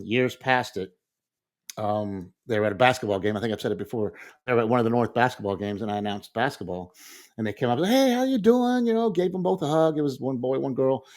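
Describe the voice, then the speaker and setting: A middle-aged man co-hosting a podcast, telling stories in a casual chat and acting out quoted dialogue. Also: medium pitch. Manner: animated storytelling, acts out quoted dialogue. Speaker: podcast co-host.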